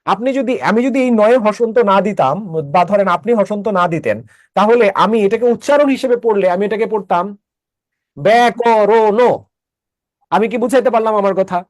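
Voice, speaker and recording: High-voiced man teaching a class. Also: quick pace, dry recording, clean studio sound. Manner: explains step by step, checks understanding with questions. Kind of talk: online class lecture.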